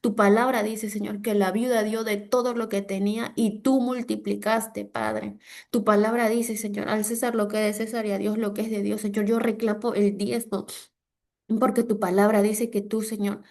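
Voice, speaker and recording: A middle-aged woman with a Peruvian Spanish accent preaching a sermon, fervent, with repeated prayer declarations and bursts of loud emphasis. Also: mid-range voice, level tone, normal speed, creaky.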